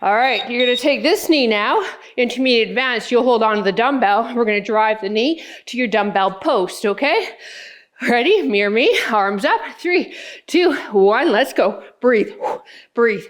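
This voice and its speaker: A woman with a fairly high voice leads an exercise session as the instructor. She counts out the workout moves and gives short cues, encouraging people as she goes. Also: lively intonation, moderate pace. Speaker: fitness instructor.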